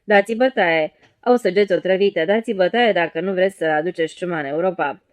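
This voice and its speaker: A woman's voice: fairly low pitch, dry recording, natural voice. Woman reading a brash cursing ship's officer. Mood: exclaiming. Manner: loud exclamations, colourful oaths.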